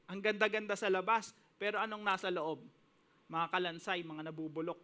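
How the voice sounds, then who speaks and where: Bright high-voiced man preaching. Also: little pitch movement, moderate pace. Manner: switches between Tagalog and English, quoting scripture with emphasis. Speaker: pastor. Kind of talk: sermon.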